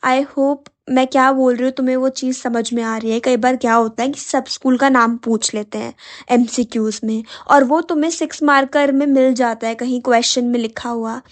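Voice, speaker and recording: Her voice is high-pitched and hoarse, as if sore, yet steady at a moderate pace, as this young woman preps students for an exam, chatting to them in mixed Hindi and English.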